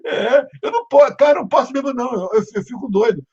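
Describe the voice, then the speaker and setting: Husky high-voiced Brazilian man host. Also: fast talker, highs cut off. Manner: playful, acts out quotes loudly, stammers on restarts. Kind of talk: casual interview chat.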